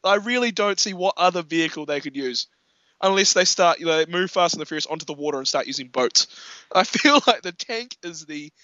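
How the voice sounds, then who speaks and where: A man in casual film chat, animated, laughing often and acting out quotes. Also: a little high, a little fast, no room sound, lo-fi sound.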